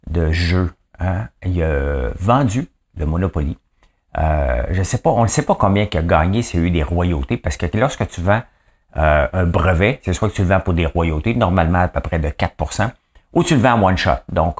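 Hosting a daily news podcast, this man speaks with a Quebec French accent in a voice that sits low. He comments casually and chattily, wandering through plenty of fillers and side remarks.

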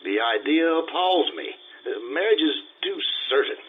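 A man's voice: on the high side, expressive, normal speed, a little hiss or hum, natural voice. Man playing Casanova, vain romantic, tinny sound. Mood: haughty. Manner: theatrical, self-important. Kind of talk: old-time radio drama acting and narration. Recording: tinny radio-play recording, music behind.

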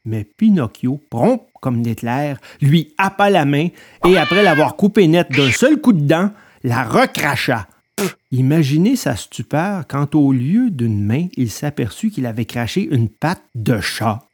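A man reading a storybook aloud with expressive, dramatic storytelling. His fairly high voice rises and falls in a lively way. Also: a little slow, slightly rough. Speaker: narrator. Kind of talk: scripted storybook narration.

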